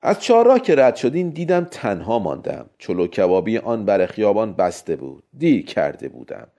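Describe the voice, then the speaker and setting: A man reading a first-person story aloud, with expressive, dramatic delivery. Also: lowish voice. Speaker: narrator.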